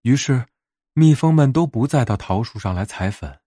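A man reads a scripted bedtime story in a mellow, dark-toned voice. His pitch moves in a lively, animated way, and the recording is close and dry. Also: normal speed, no room sound. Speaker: storyteller for a bedtime fable radio show for adults.

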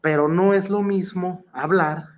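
A man's voice: high voice, fairly even intonation, unhurried, a little hiss or hum. A man with a Mexican accent, a professional wrestler answering interview questions in an earnest, rambling way full of fillers and restarts.

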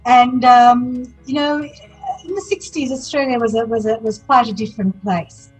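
A woman's voice: a little high, a little slow, husky, soft background music, poor audio. A woman in her sixties, from Sri Lanka, a city councillor telling her life story candidly in a podcast interview. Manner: candid, lively storytelling with laughs.

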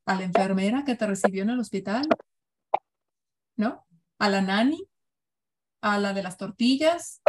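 A parenting coach leads a live online workshop, speaking reflectively and often putting questions to her audience. Her voice is mid-range with lively intonation. She talks unhurriedly, leaving long pauses.

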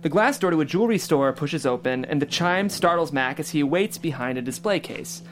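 A man hosting a table read narrates the stage directions from a script. His voice is fairly high in pitch and animated, and he reads at a fairly quick pace.

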